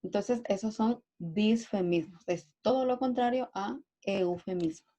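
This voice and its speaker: A woman's voice: medium pitch, unhurried, warm tone. A woman teacher giving a review lesson, hesitant, full of fillers and tag questions.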